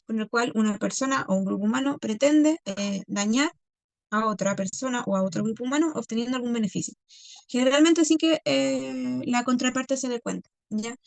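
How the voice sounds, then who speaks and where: A woman teacher reviewing a class lesson, checking in constantly with "¿ya?" and "¿cierto?" and pausing on many fillers. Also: a little high, a little mellow, no echo. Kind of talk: recorded class review lecture.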